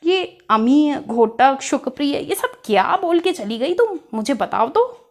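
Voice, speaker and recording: A woman's voice: high voice, big pitch swings, measured pace, exaggerated voice. A woman voicing a cheerful, bumbling young man who is weak at Hindi and keeps asking puzzled, stumbling questions. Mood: puzzled, pleading.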